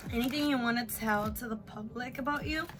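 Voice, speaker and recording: Hosting a casual mukbang, a woman in her twenties chats while eating and moves between English and Spanish. She speaks briskly in a slightly high voice over a noisy background.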